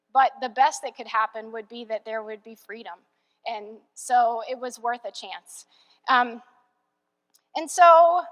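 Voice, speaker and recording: A woman's voice: on the high side, fairly bright tone, long reverb tail. A young woman sharing her personal faith testimony in a chatty way, with lots of "like" and "um.". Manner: chatty, many fillers like "like" and "um". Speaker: church member sharing testimony.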